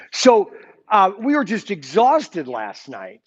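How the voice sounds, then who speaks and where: A man in his sixties teaches an informal Sunday school Bible lesson, rambling along and regularly asking his listeners "okay?" His voice is high and his pitch swoops wildly as he speaks slowly, and the recording sounds lo-fi.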